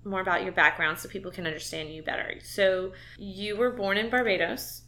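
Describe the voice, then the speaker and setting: A woman's voice: medium pitch, fairly even intonation, fairly quick, sharp tone. A woman hosting a podcast conversation, speaking earnestly and reflectively with a friend. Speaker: podcast host. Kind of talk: casual heartfelt conversation.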